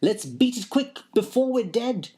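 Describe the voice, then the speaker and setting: A woman's voice: low-pitched, very animated, a little slow, a little mellow. A woman voicing a cheeky, scornful talking cat in a storybook reading, blunt and indignant. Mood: scared.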